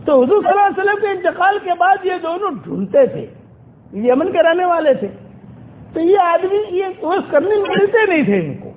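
A man's voice: very high voice, very animated. A man giving a Friday sermon in a mosque, retelling stories with quoted dialogue and emphatic repetition. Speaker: preacher. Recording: tinny phone-like sermon recording with faint hiss.

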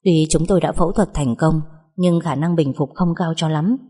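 A woman voicing a calm middle-aged male doctor delivering bad news in an audio story. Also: sits low, moderate pace, slightly rough. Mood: grave. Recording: long hall reverb.

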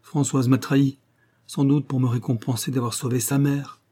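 A man's voice: medium pitch, flat delivery, moderate pace, mellow, lightly acted. A man voicing a proud young noblewoman, indignant and cornered, in a read-aloud novel. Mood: desperate.

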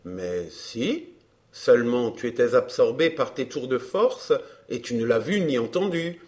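Glib gentleman, bantering, self-assured, middle pitch, read by a man. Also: lively intonation, measured pace, lightly acted. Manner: smooth and bantering. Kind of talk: audiobook dialogue.

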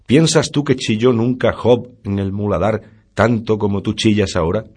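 A man's voice: lowish voice, normal speed, a little mellow, slightly rough, pitched above the performer's own voice. A man reading aloud, voicing a stern, pious noblewoman who scolds her husband in a preachy way. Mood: scolding.

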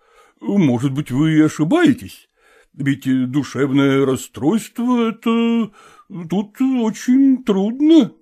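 A man voicing a polite, composed male professor who speaks courteously and calmly in a storybook reading. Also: sits high, takes it slowly, voice pushed up. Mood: puzzled. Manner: courteous, soothing.

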